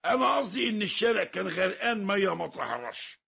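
An actor playing a rude, impatient fasting man with an Egyptian accent, husky and mocking in a radio comedy. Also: high voice, very animated, sharp tone, full character voice. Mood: grumbling. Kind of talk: classic radio comedy acting.

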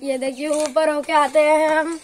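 A woman's voice: high voice, level tone, unhurried, slight background noise. A young woman casually touring a village house, pointing things out for the camera. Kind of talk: casual vlog tour. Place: village house and yard outdoors.

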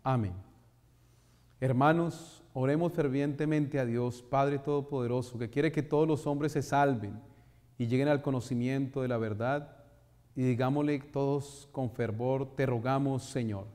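Solemn priest with cathedral echo. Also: male voice, mid-range voice, steady tone, warm tone. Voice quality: echoing, cathedral-like reverberant sound. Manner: solemn, measured delivery in short phrases. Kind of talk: liturgical preaching and recited prayer. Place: inside a stone-walled church, at the altar and lectern. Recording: church reverb, long echoing hall.

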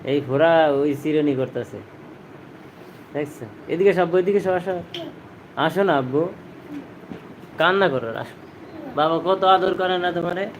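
A man's voice: on the high side, measured pace, long pauses, a little hiss or hum, low-quality recording. A man, speaking casually to his young child on a live stream and coaxing him over and over. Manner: coaxing and pleading, repeats himself.

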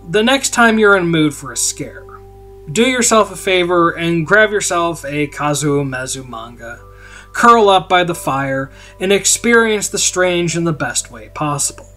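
A man hosting a manga channel, giving an earnest, measured, scripted video-essay narration. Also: a little high, pushed and bright.

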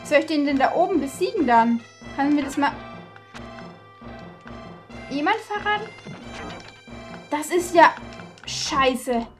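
A woman commentating a video game playthrough, excitable and quick to curse and shriek when frustrated. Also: sits high, soft background music. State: out of breath. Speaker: let's play gamer.

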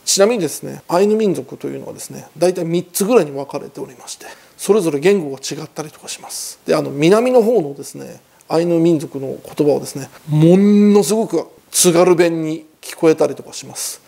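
A man's voice: fairly high pitch, expressive, a little fast, gravelly, few pauses, dark tone. A man hosting a casual news commentary, chatty and opinionated, with a lilt and rhetorical questions.

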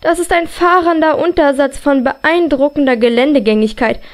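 A blunt, grumbling man who growls out his answers in a lowered voice. He sounds stubborn and unbothered by criticism, as a woman reader puts him on in a fantasy audiobook. The delivery stays gruff and matter-of-fact. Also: moderate pace, close to an everyday voice.

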